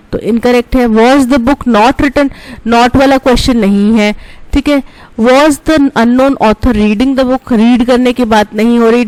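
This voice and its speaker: Bright-voiced woman teaching English. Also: fairly high pitch, dry recording, low-quality recording. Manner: explains word meanings in Hindi, reads English questions slowly. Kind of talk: exam-prep lesson explaining answers.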